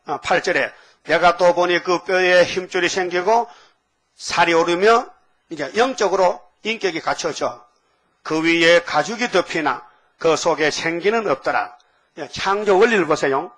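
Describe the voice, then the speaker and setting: Preaching in a high-pitched voice, this older male pastor keeps a folksy tone and repeatedly quizzes the congregation with quick questions. Scripture comes out slow and loud, and every so often he mimics a drill instructor barking orders.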